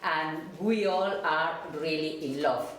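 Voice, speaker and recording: A middle-aged woman from Barcelona, Catalonia, in Spain, introduces a lecturer in a lecture hall, partly reading aloud in hesitant, halting non-native English. Her low-pitched voice is warm, and the echoey hall carries background noise.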